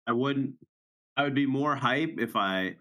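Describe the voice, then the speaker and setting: Bright mid-pitched man, casual podcast co-host. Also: measured pace. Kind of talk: casual sports chat.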